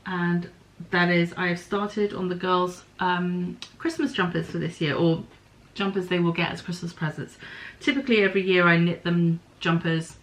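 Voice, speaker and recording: There's a little hiss or hum on this poor-quality audio of a podcast host with a fairly low, slightly bright voice. The middle-aged woman talks casually about her knitting and spinning, pausing now and then to apologise for small slips as she thinks aloud.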